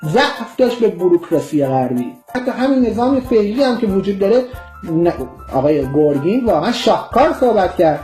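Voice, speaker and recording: Man, from Iran, political commentator, impassioned monologue, scornful, lecturing, high voice. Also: sing-song, dark tone, faint music behind.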